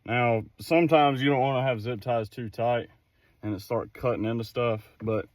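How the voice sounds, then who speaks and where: Outdoors beside a vehicle, with some wind, a man vlogs a DIY car project, chatting in a folksy, easygoing way and thinking aloud as he works through the how-to. His medium-pitched voice is steady and moderately paced, with no echo. The outdoor recording is noisy and full of ambience.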